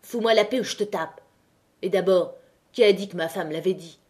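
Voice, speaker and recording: A woman voicing an angry coal miner who shouts coarse threats in an audiobook. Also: medium pitch, lively intonation, brisk, natural voice. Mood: furious. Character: angry coal miner, grown man, brutal temper.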